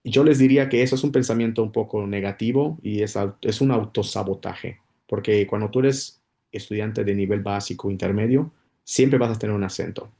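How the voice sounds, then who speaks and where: A man's voice: on the low side, brisk, dark tone. A man giving a casual spoken English lesson, explaining patiently with many repetitions and restarts. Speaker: English teacher.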